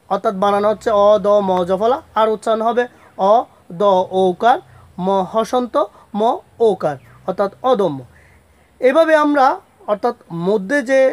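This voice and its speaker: Man, teacher, slow repetitive lesson, spells out letters, asks and answers himself. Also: high voice, no room sound. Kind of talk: spoken grammar lesson.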